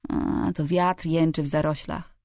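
A woman reading an audiobook, voicing a brisk, curt middle-aged housekeeper in a high, pushed voice. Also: little pitch movement, darkish tone, no room sound, studio quality. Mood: matter-of-fact. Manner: curt, bossy.

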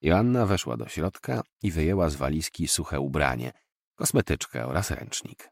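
A man narrating a novel in an expressive, measured storytelling manner. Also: extremely low pitch, vocal fry, no room sound, studio quality. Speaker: audiobook narrator. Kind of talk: novel reading.

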